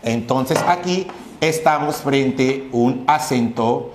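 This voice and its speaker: A man's voice: medium pitch, takes it slowly, background noise. Methodical male lecturer in an echoey room. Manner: methodical, recaps often with rhetorical questions. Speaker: language teacher. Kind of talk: exam-prep lecture.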